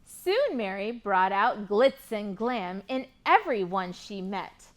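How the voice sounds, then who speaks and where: At a library storytime, a woman reads picture books and leads a sing-along for young children in a mid-range, very animated voice at a slow pace. She reads expressively and keeps prompting the kids with encouraging questions.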